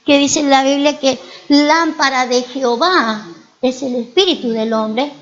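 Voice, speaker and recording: An Argentine woman pastor preaches a sermon in church, speaking slowly in a high-pitched voice as she tells stories and often poses rhetorical questions to the congregation. The sound quality is lo-fi.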